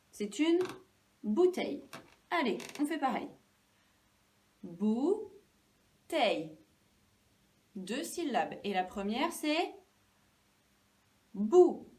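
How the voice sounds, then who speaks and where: A woman teacher giving a lesson to young children, speaking slowly and clearly, stretching out syllables and encouraging them. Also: on the high side, darkish tone, distant mic.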